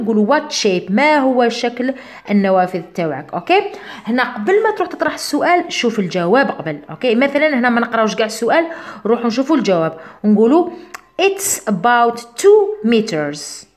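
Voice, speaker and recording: A woman with an Algerian accent teaching an English exam revision lesson. She explains in dialect and reads the English sentences slowly. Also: a little high, very animated.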